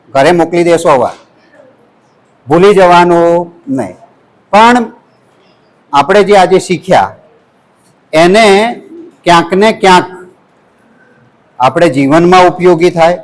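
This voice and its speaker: Gujarati man running a class workshop, high voice, lively and chanting with students. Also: low-quality recording. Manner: lively, leads call-and-response chants. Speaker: workshop instructor. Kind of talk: classroom lecture to student teachers. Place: college lecture hall.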